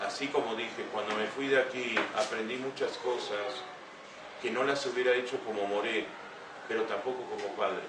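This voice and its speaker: A man's voice: mid-range voice, fairly even intonation, moderate pace, heavy background noise. An older man giving an earnest talk to a young audience, often asking rhetorical questions. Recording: echoey room heard from a distance.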